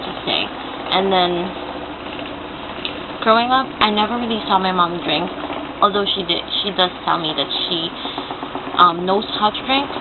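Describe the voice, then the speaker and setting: Young woman, rambling casual vlog storytelling, thin phone-like sound, loud engine-like hum. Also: mid-range voice. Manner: rambling, self-correcting, informal with frequent "like". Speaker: vlogger. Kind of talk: casual personal storytelling to viewers.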